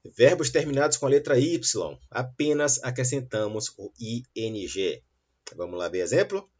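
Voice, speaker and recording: A man teaching an English lesson, saying model sentences slowly and clearly between quicker explanations. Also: mid-range voice, lively intonation, darkish tone. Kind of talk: online English lesson for Portuguese speakers. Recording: dull, lo-fi sound.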